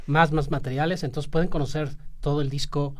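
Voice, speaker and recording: A man's voice: fairly high pitch, fairly even intonation, brisk. A man, a musician guest on a radio show, explaining at length with many fillers. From Peru, raised in Mexico. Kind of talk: radio interview.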